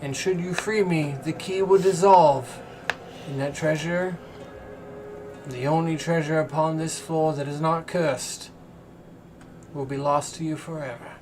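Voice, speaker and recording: A man voicing a blinded, imprisoned ancient angel in a tabletop role-play, speaking in slow, formal pronouncements. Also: on the high side, fairly even intonation, darkish tone, natural voice. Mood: solemn, foreboding. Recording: room recording with faint background noise.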